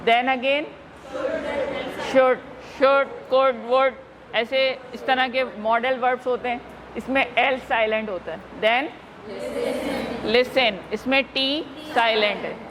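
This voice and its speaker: A woman from Pakistan leading a teacher-training workshop, slowly modelling words and quizzing the class. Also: sits high, background noise.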